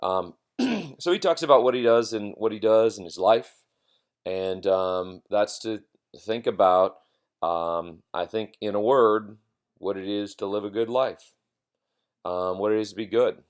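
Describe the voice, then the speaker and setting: A man giving an informal philosophy lecture in a halting, reflective way, repeating phrases for emphasis. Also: fairly low pitch.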